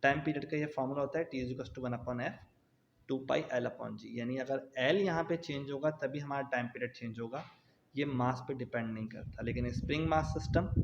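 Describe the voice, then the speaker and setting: A male teacher walks through a lesson step by step and leans on everyday examples. His voice sits at an ordinary middle pitch. The recording is dull and lo-fi with a faint hiss underneath. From Pakistan. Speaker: physics teacher. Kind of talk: classroom lecture. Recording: dull lo-fi sound with faint noise.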